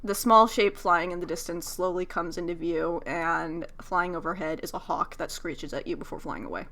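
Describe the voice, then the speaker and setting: A woman narrating as game master in a casual tabletop game, halting with many fillers and the odd swear. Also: on the low side, pushed and bright.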